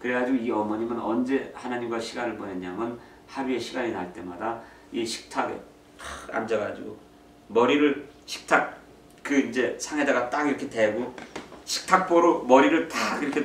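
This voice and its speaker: Middle-aged man, lively talk in an echoey hall. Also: medium pitch, moderate pace, slight background noise. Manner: lively storytelling, acts out quotes; mixes in English phrases. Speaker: speaker on parenting. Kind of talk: church talk on raising children. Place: church hall. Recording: roomy echo from far mic, faint ambience.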